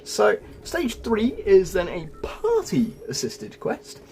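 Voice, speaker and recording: This gaming video host has a high, creaky, somewhat dark voice that swings hugely in pitch as he talks slowly. He narrates a scripted guide, explaining each step and addressing his audience as folks, with music in the background.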